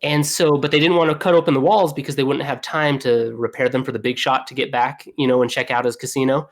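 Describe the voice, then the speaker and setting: A young man, a plumber guest, telling stories in a casual, animated way with lots of fillers. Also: mid-range voice, fast. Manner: animated, laughing storyteller with fillers. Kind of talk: casual storytelling.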